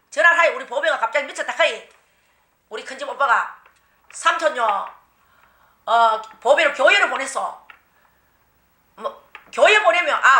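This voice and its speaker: Animated high Gyeongsang woman storyteller. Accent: Gyeongsang Korean. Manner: animated, laughing, acts out quotes. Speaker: shaman. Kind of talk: personal storytelling. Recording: echoey room.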